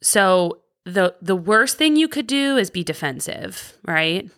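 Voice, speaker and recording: A woman's voice: medium pitch, very animated, slow pace, a bit bright. A woman co-hosting a podcast, talking candidly and frankly in casual chat. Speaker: podcast co-host.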